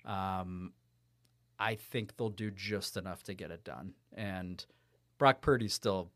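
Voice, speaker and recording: A man's voice: deep voice, slow pace, fairly bright tone, dry recording, studio quality. A man co-hosting a sports podcast in casual, chatty talk, laughing easily. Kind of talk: casual sports betting chat.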